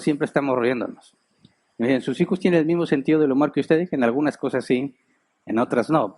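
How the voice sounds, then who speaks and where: A man's voice: mid-range voice, a little mellow. A middle-aged man with a Mexican Spanish accent, a pastor giving a sermon in a chatty, storytelling way. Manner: storytelling, conversational, laughs while telling anecdotes. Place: church.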